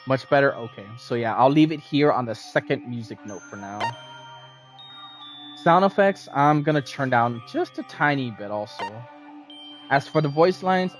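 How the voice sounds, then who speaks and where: A man's voice: mid-range voice, moderate pace. A man with a mid-range voice streams a game in a casual way. He chats to viewers and reads aloud, with faint game music underneath.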